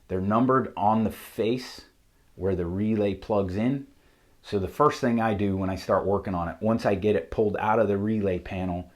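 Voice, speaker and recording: A man's voice: fairly low pitch, darkish tone. A man with a Southern accent, a mechanic walking through a technical how-to at a whiteboard in a methodical, plain-spoken way. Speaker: auto mechanic instructor. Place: shop with a whiteboard.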